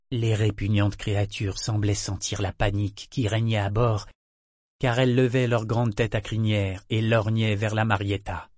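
A man's voice: fairly low pitch, a little mellow, no room sound. Man narrating a novel, dry close sound. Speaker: audiobook narrator. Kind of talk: scripted narration.

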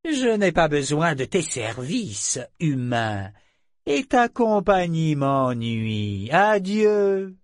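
A man voicing a haughty ancient female dragon who speaks slowly and with contempt. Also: a little high, big pitch swings, no echo, studio quality, voice pushed up, exaggerated voice. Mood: haughty disdain. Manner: slow, imperious, contemptuous.

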